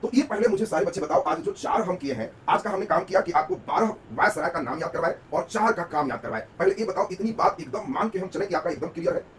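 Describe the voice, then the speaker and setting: A man's voice: expressive, fast talker, hardly any pauses. A man teaching an exam-prep history class, urging and quizzing his students and hammering home points with repeated emphatic words. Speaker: coaching teacher. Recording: distant mic with faint rumble.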